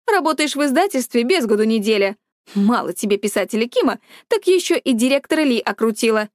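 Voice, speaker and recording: Woman narrator doing a jealous, scolding young colleague in a storybook; higher, sharp delivery, no room sound. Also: expressive, fairly quick, dry recording, clean studio sound, lightly acted. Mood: indignant. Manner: indignant, scolding. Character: haughty jealous young female office colleague.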